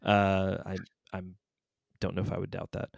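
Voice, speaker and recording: Low gravelly guy in his 40s rambling through a story on a podcast, lots of restarts. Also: monotone, moderate pace, dry recording. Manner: rambling, self-correcting storyteller. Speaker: podcast co-host. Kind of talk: casual chat.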